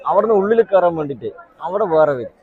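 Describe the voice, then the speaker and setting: A man's voice: high voice, expressive, quick pace, narrow, tinny audio, a faint crowd. A young man with a Kerala accent doing casual vlog chat in Malayalam mixed with English words, often repeating himself. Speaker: vlogger. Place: outdoors at a festival.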